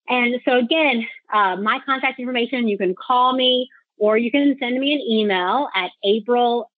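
A woman's voice: mid-range voice, no echo. A woman financial advisor giving an informal webinar, talking conversationally and directly to her listeners. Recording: tinny phone-like line.

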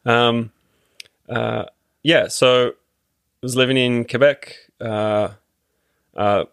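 A man's voice: mid-range voice, steady tone, takes it slowly, gravelly, a bit bright, clear, resonant tone, dry recording, clean studio sound. A man with an Australian accent, a podcast guest chatting casually and hesitantly, with many ums and restarts. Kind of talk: casual interview chat.

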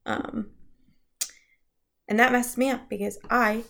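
Young woman, podcast co-host, gravelly voice, rambling ghost-story chat. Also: fairly high pitch, steady tone, takes it slowly, a bit bright. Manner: chatty, many fillers and restarts, laughs at herself. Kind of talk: casual chat telling ghost stories.

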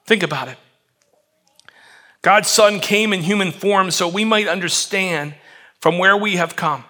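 A middle-aged man, a pastor, giving an earnest Christmas sermon with a story, dropping softer and quieter for emotional moments. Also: sits high.

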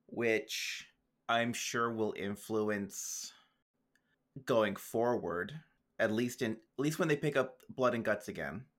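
A man's voice: fairly low pitch, slow pace, fairly bright tone. Easygoing male podcast co-host. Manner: easygoing, dry asides, laughs often. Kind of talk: casual chat recapping a show.

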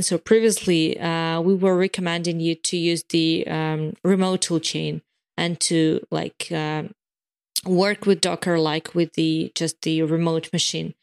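A woman's voice: on the low side, vocal fry. A woman giving product updates in a casual podcast chat, explaining in long runs with frequent fillers and restarts. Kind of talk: casual podcast chat about developer tools.

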